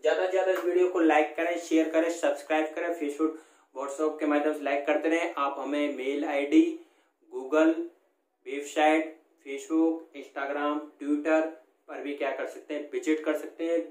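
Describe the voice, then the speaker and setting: A man teaching a grammar lesson, asking and answering his own questions and reading example lines slowly. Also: fairly high pitch, level tone. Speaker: English teacher. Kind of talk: classroom lesson explaining grammar. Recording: echoey room.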